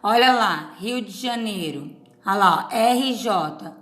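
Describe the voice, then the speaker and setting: A woman's voice: mid-range voice, animated, fairly bright tone. A woman teacher from Paraná with a Paraná Portuguese accent, giving a recorded class to children, patient and stretching out syllables. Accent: Brazilian Portuguese from Paraná. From Paraná, Brazil. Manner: patient, drawn-out syllables, frequent "tá?". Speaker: schoolteacher. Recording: echoey room.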